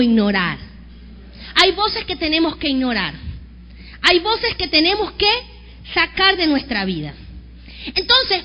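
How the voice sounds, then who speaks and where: A woman pastor preaching an animated sermon, calling on the congregation to repeat after her. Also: extremely high pitch, big-room sound, dull audio. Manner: animated preaching with call-and-response. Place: church sanctuary.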